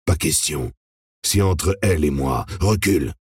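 A man's voice: extremely low pitch, measured pace, a little mellow, breathy edge, no room sound, studio quality, heavily acted. A man reading an audiobook, voicing a growling, menacing male hybrid creature bent on revenge. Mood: snarling.

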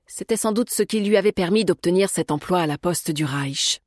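A woman reading an audiobook as narrator, in a calm, measured way. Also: fairly low pitch, no echo, clean studio sound. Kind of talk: scripted narration.

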